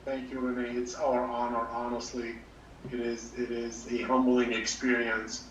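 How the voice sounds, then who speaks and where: A man, a doctor, speaking sincerely but haltingly on a video call, with many pauses and filler words. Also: medium pitch, completely flat delivery. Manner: halting, full of uh's, formal and sincere. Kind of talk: thanking a guest on a video call. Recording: muffled, distant, echoey room with faint hum.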